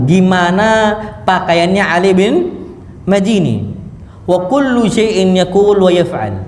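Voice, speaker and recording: A man giving a lively mosque lecture to a seated audience, acting out sounds and stories as he preaches. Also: sits high. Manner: lively, animated, acts out sounds and punchlines. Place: mosque hall. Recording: echoey mosque hall, faint noise.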